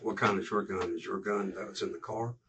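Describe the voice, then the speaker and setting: Low-voiced detective asking questions. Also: male voice, fairly even intonation, sharp tone. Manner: halting, probing questions. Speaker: police detective. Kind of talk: interrogation questioning. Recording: interrogation room recording with faint noise.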